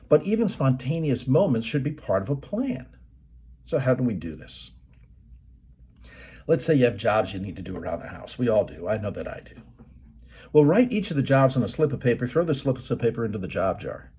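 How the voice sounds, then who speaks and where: A man's voice: medium pitch, warm tone, breathy edge. A middle-aged man giving a motivational presentation, telling movie stories in a folksy way. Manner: folksy storytelling, quoting movie lines.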